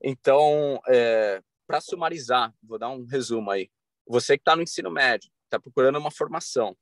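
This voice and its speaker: A man in his thirties from Brazil, a podcast guest talking earnestly over a video call from a bright room at home, with many restarts and fillers. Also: medium pitch, moderate pace, dry recording. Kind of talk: casual interview talk. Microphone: video call webcam.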